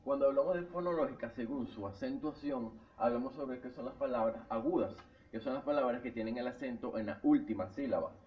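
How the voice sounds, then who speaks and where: A man's voice: medium pitch, brisk, few pauses. A young man giving a class presentation, explaining step by step in a repetitive pattern. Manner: explains step by step, repeats "cuando hablamos de". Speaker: student presenter. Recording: tinny phone-like sound.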